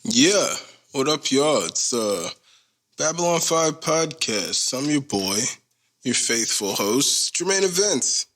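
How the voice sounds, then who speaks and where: Very animated yet slow-paced, a man in his thirties with a medium, fairly bright voice hosts a solo podcast over faint background music. His chat wanders loosely, full of slang and jokes.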